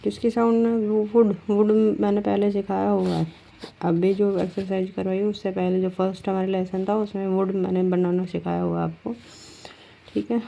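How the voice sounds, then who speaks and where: A woman's voice: mid-range voice, flat delivery, normal speed, vocal fry, warm tone, highs cut off. A woman teaching a shorthand lesson step by step, patiently asking her students questions and then answering them herself, drawing out words as she writes. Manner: drags out words while writing.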